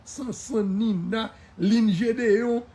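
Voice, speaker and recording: A man's voice: high-pitched, steady tone, slow pace, warm tone. A man with a Haitian accent giving a defiant, emphatic live-stream monologue, laughing often and slipping into French phrases.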